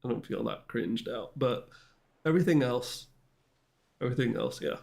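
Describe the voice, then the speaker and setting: A man's voice: medium pitch, lively intonation, moderate pace, vocal fry, darkish tone. A male streamer in casual livestream chat with his viewers, rambling and self-deprecating as he answers the chat.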